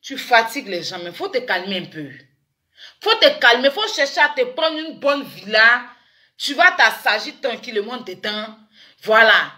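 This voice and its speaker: A woman chats through a teasing, animated commentary vlog. Her voice sits a little high and rings very bright. She breaks into sudden loud exclamations. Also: measured pace. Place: in France.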